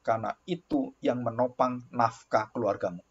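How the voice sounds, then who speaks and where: A man's voice: medium pitch, normal speed, breathy edge. A male pastor telling a story in a sermon, acting out the dialogue with bursts of exclamation. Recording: dull lo-fi recording.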